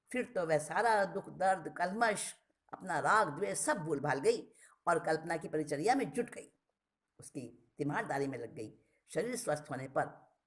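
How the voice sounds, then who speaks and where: A woman reading a short story aloud, expressive and often restating a word with a plainer synonym. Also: on the low side.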